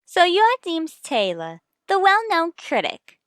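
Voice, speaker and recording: A woman's voice: extremely high pitch, huge pitch swings, slow, a bit bright, no room sound, clean studio sound, full character voice. A woman playing a nosy, argumentative, illogical young miss in an old-time radio sitcom. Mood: indignant, challenging. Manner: pert, challenging.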